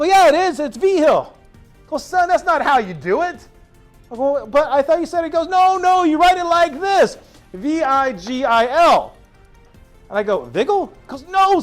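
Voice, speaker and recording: With soft music faintly audible behind him, a man addresses his new students on their first day, his high voice ranging widely as he tells animated stories and lingers over lengthy asides.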